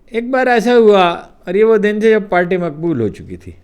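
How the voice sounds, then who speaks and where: An older man with a Pakistani Urdu accent tells stories from memory. His fairly high voice rises and falls a great deal as he acts out what others said. His delivery is unhurried and conversational. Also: smooth, lo-fi sound. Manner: lively anecdotal telling with acted-out quotes. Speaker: columnist recounting memories. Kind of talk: storytelling anecdotes.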